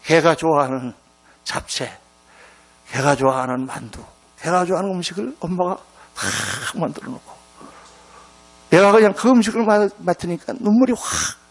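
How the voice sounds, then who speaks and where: Animated gravelly-voiced male pastor. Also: on the high side, moderate pace, long pauses. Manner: animated, acts out dialogue in the story. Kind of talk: revival sermon storytelling. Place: church sanctuary.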